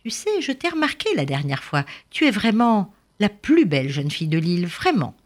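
A sweet-talking young prince from a storybook, voiced by a woman narrator pitches his voice high and bright. It rises and falls in lively arcs as he coaxes. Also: moderate pace. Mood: charming. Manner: high, eager, coaxing.

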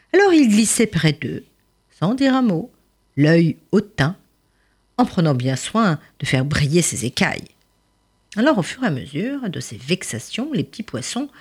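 A woman telling a children's story in an expressive, animated way with dramatic pauses. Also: lowish voice, husky. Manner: animated, dramatic pauses, voices rising and falling.

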